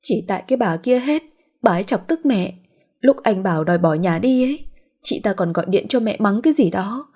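A woman's voice: mid-range voice, animated, brisk, dark tone, breathy edge. A woman voicing a tearful, spiteful young daughter who wails and accuses. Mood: indignant. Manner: wailing, accusing.

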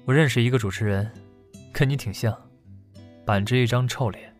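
A man voicing a cold, aloof prosecutor who speaks in a flat, clipped and detached way. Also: mid-range voice, moderate pace, soft background music, natural voice. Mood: cool, dry.

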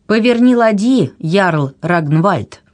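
Brief: reader doing a proud young noblewoman, raised, lively, commanding. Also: medium pitch, measured pace, pitched above the performer's own voice.

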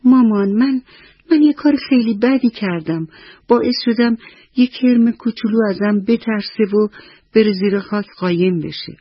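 A husky-voiced woman voicing a worried, soft-hearted little girl in a radio bedtime story, a bit higher and more pleading than her narration. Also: no room sound, close to an everyday voice. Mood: upset. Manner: fretful, pleading, raised voice. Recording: slightly dull radio recording.

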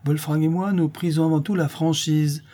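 A guy doing a gracious young lady, soft and coaxing, raised pitch, mellow tone. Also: fairly even intonation, moderate pace, lightly acted. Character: young woman, gracious, gently persuasive. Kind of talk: audiobook reading.

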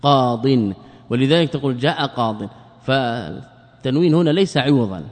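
A man leads a classroom lesson and keeps putting questions to his students. He repeats key words and stretches them out as he explains. His voice sits at an ordinary middle pitch and carries a long reverb, as if heard in a large hall. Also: animated, moderate pace. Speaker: Islamic scholar teaching a class.

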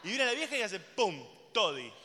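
A man's voice: high-pitched, moderate pace. A young man with a Rioplatense accent performing a live stand-up routine, acting out crude voices and talking straight to the audience. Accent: Rioplatense Spanish. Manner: animated, acts out crude voices, addresses the audience. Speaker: stand-up comedian. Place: stage in a hall before a live audience. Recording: reverberant hall with audience noise.

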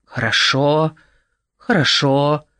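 A commanding male expedition guide, as a male audiobook narrator puts him on, giving steady, urgent orders in a slightly raised voice. His tone stays firm and controlled, and the read is close and dry. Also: on the high side, measured pace, no echo. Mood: soothing.

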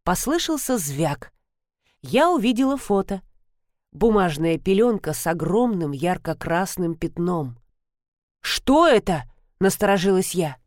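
A woman narrating an audiobook in a lively, expressive reading. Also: fairly low pitch, measured pace, no echo, studio quality.

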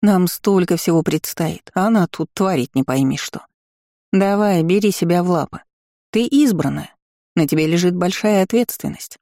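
A woman's voice: on the low side, normal speed, mellow, no echo, clean studio sound, lightly acted. A woman voicing a mocking, lazy and bossy ancient female dragon spirit in an audiobook.

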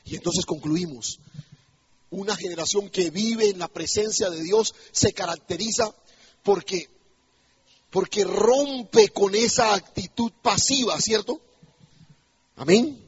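A man's voice: high-pitched, slow, long pauses, breathy edge, lo-fi sound. A male pastor preaching an emphatic sermon in a church, putting rhetorical questions to the congregation.

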